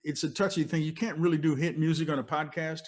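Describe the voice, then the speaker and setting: Speaking quickly in a steady, slightly mellow, higher-pitched voice, an older American former radio DJ shares stories as an interview guest. His casual storytelling is emphatic and explanatory, frequently drifting into tangents.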